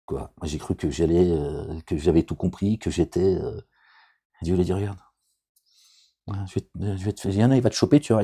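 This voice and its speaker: Low, warm and husky, this middle-aged man's voice carries an informal religious commentary that wanders off on tangents. He tosses in jokes and often asks his listeners "d'accord?"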